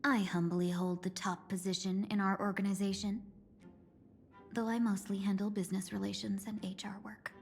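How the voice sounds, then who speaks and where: A woman playing a smug, boastful fox-lady assassin leader in a game, speaking with slow dramatic flourish. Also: medium pitch, little pitch movement, a little mellow, close to an everyday voice. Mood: grand boasting. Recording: music behind the voice.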